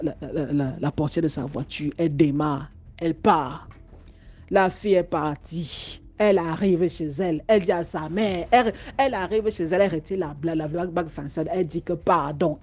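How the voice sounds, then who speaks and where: Conteuse camerounaise à la voix douce et grave. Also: female voice, low voice. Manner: animated, many restarts and repetitions. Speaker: storyteller. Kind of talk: casual spoken storytelling.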